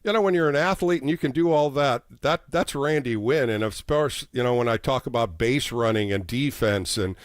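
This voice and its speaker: A man's voice: mid-range voice, moderate pace, few pauses, no echo, clean studio sound. A man hosting a live sports call-in show, talking casually and addressing callers by name. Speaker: sports radio call-in host.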